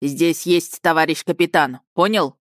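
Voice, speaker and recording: A woman voicing a gruff, stern middle-aged male space captain in an audiobook. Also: low voice, no room sound, studio quality. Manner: gruff, slow and commanding. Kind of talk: audiobook character reading.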